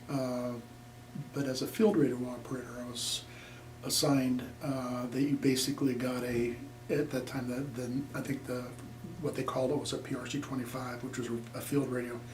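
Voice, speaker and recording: An older man from Nebraska, USA, whose mid-range voice is a little mellow, is a veteran being interviewed for an oral history. He is plainspoken and rambling, with frequent fillers, captured by a distant mic in an echoey room with faint noise.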